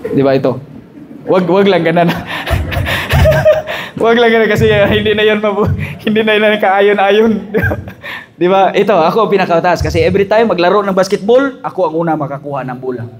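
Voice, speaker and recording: A man pastor preaching a conference sermon in a church, jokey and animated, mixing in English phrases and asking "amen?" often. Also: sits high, moderate pace. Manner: mixes Tagalog with English phrases.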